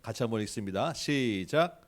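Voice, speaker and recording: A man's voice: mid-range voice, lively intonation, normal speed. A male pastor addressing the congregation and leading them in reciting a memory verse. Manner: calling out to the congregation.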